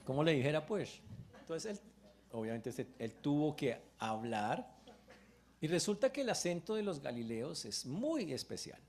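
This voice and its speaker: A man preaching a sermon as pastor in church, retelling a story with lively exclamations. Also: on the high side, moderate pace.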